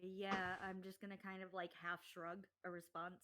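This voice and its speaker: A woman's voice: fairly low pitch, flat delivery, normal speed, fairly bright tone. A woman playing a tabletop role-playing game, speaking casually and rather hesitantly in character and out. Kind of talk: casual role-play chat.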